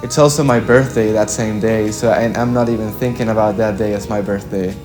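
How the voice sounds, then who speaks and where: Music plays in the background as a young Chilean musician with a low voice gives casual interview answers. His intonation is fairly even, and he speaks reflectively and haltingly, often saying "like" and "kinda."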